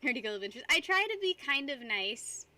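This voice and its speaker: High-pitched and sing-song, she talks fast with a sharp edge while streaming to her viewers. The young woman giggles a lot, wanders from topic to topic, and reads messages from chat aloud.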